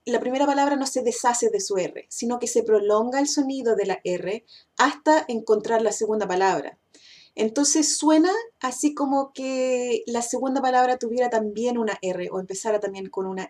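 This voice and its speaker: Bright-voiced woman teaching pronunciation. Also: on the high side. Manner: slows down and stretches English example words; relaxed, with thinking fillers. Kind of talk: casual explanatory lesson.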